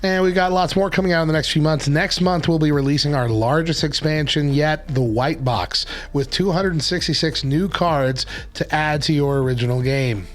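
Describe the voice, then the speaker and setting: A man with a gravelly, hoarse whiskey voice, recovering from bronchitis, chatting casually as the host of a morning radio show. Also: a little high, moderate pace, hardly any pauses.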